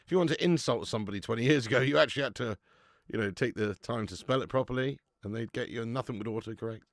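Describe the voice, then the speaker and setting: A man's voice: medium pitch, fast talker, no room sound, clean studio sound. A man, hosting a football watch-along and bantering with chat, laughing and swearing freely. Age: 30s. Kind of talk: casual live-stream chat.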